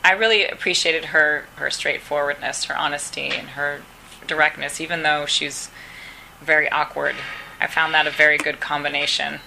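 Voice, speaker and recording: A woman's voice: deep voice, steady tone, normal speed, creaky, bright, forceful tone, slight background noise, poor audio. A woman, an actress, answering questions at a press round table in a casual, chatty way, acting out quoted dialogue as she tells stories.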